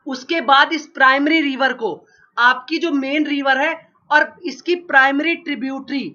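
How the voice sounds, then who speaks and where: With fairly even intonation at a normal pace, a male geography teacher talks in a very high, sharp voice. He's preparing students for an exam despite a cold-induced sore throat, coughing at times and repeating answers to his own questions. It's a dull, lo-fi recording.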